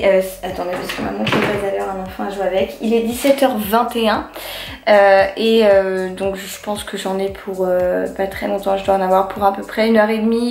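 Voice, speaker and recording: A woman's voice: medium pitch, vocal fry, darkish tone, echoey room. A young woman in her twenties talking casually to camera in her home, chatty, with many fillers and restarts. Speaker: vlogger. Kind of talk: casual vlog chat to camera.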